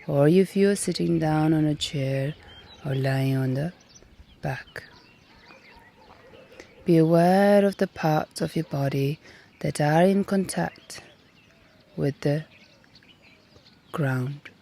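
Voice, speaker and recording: Against birdsong and natural outdoor ambience, a woman who teaches meditation and yoga gives guided meditation instructions. Low-pitched with vocal fry, she delivers short, calm, gentle phrases followed by long silences, and a slight hiss or hum is audible.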